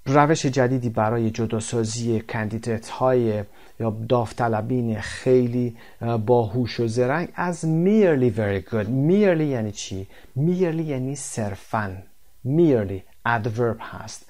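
A Persian-speaking man teaching English words and pronunciation, slowing right down to read the English examples aloud. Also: medium pitch, a little mellow. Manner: slow, careful when reading English examples. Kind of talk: explaining English vocabulary and pronunciation.

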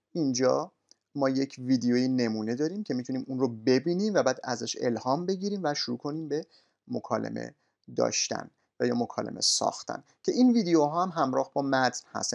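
A male language teacher walking students through course materials in a polite, formal way, often pausing with "uh". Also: medium pitch, vocal fry, muffled recording. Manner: polite, formal, with frequent "uh" pauses. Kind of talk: recorded course walkthrough.

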